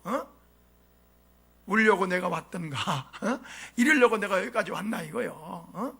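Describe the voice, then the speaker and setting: A man preaching a sermon as pastor, animated and often asking the congregation questions. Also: very high voice, gravelly, breathy edge. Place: church sanctuary.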